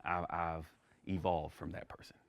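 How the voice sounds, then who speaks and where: A man's voice: sits low, moderate pace, gravelly, smooth. A man teaching a class in a conversational lecture, often checking in with the listeners. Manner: animated, conversational, asks "right?" often. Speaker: instructor.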